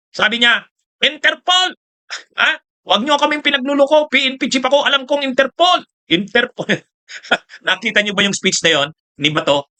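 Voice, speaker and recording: A man's voice: high voice, pushed and bright. A man giving mocking political commentary, laughing often and tossing in "ha?" and "oh" between remarks.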